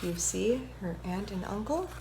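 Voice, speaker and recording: A woman violinist presents a children's story time, reading a picture book aloud and giving a music lesson. Her mid-range voice is expressive, unhurried and creaky, and she addresses young children gently, encouragingly and instructively, with faint background noise.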